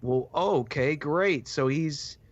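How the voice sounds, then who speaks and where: A man co-hosting a casual wrestling podcast, talking bluntly and quick to agree. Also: on the high side, dry recording, muffled recording. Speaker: podcast co-host.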